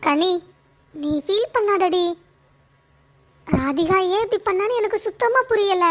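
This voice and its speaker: A young female friend in a cartoon, her voice very high and gentle as she soothes and apologizes, voiced by a woman. She sounds sorry and eager to comfort. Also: expressive, a little slow, full character voice. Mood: apologetic.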